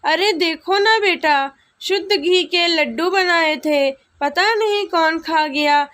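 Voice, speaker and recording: A woman voicing a bossy, nagging older mother-in-law in a storybook tale, with a very high, slow voice. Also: fairly bright tone, exaggerated voice. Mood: scolding.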